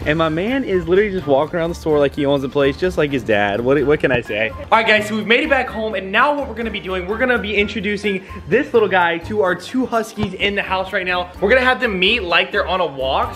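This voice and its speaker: A man's voice: sits high, pushed and bright. A young man chatting casually to his viewers and his puppy in a vlog. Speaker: vlogger.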